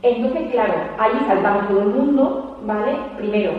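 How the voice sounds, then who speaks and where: A woman from Spain with a Spanish accent, talking to an audience at a book presentation in an animated way and often adding tag questions. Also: a little high. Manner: animated, rapid, peppers speech with tag questions. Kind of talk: conversational talk to an audience. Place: large hall at a public event. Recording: echoey hall, distant mic, dull sound.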